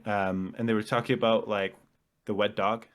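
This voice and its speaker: A man with a somewhat low voice talks casually on a podcast. He breaks ideas down in long, analytical explanations. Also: little pitch movement, moderate pace, a bit bright. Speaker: podcast co-host. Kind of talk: casual chat.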